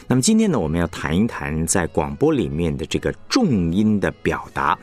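A man's voice: low-pitched, huge pitch swings, a little fast, soft background music. A man teaching announcing technique on the radio, emphatically demonstrating word stress with example words. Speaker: radio broadcasting instructor.

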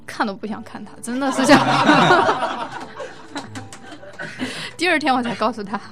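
Frank, fairly high-voiced woman. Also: expressive, measured pace, over loud music. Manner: frank and reflective, with light laughter. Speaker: wife giving a couple's testimony. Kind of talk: casual spoken testimony.

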